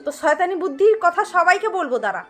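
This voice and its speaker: A woman vlogger chatting casually to the camera about her pet, animated and playfully scolding, repeating herself. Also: very high-pitched, rapid-fire, soft background music.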